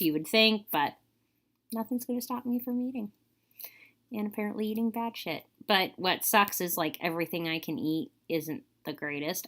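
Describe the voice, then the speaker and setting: A woman's voice: lowish voice, a bit bright. A young woman talking in a casual, chatty vlog style, candid and rambling with a wry edge. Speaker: vlogger.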